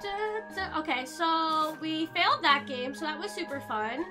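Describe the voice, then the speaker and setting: A young woman streaming a game live, chatting with her viewers and reacting loudly to each round. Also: sits high, animated, measured pace. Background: game music.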